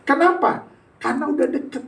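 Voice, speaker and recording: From a distance in an echoey church hall, a man with an extremely high-pitched voice talks fairly quickly. He is a pastor preaching a sermon in the church sanctuary, joking and bantering with the congregation and slipping into casual slang.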